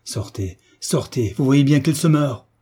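A man's voice: mid-range voice, expressive, unhurried, dark tone, slightly rough, pitched above the performer's own voice. A man doing a grave hunchbacked marquis. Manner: grave, stern. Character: hunchbacked marquis, older man, stern yet tender.

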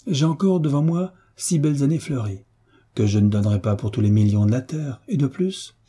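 A man doing a gentle, defiant young nobleman. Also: mid-range voice, fairly quick, husky, voice pushed up. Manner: calm, tender, quietly defiant. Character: carefree young nobleman, gentle but firm son.

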